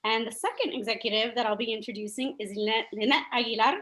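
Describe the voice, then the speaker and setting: A woman's voice: fairly high pitch, steady tone, quick pace, a bit bright. A woman host introducing speakers at an online session in an enthusiastic, upbeat way. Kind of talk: event introduction.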